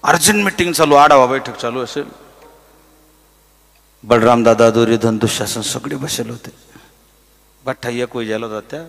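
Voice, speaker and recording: A man's voice: mid-range voice, normal speed, vocal fry, pauses often, long reverb tail. A man preaching a devotional kirtan in speech, telling a story animatedly, acting out its characters and breaking into sung verses. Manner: animated, acts out characters' voices, bursts into sung chant.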